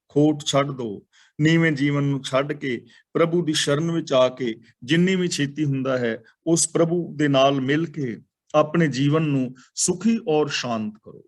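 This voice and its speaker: A man teaching the meaning of devotional verses, chanting each line slowly and then explaining it word by word in measured prayer phrases. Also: on the high side. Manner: repeats phrases in measured, pleading prayer lines. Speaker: Sikh scripture teacher.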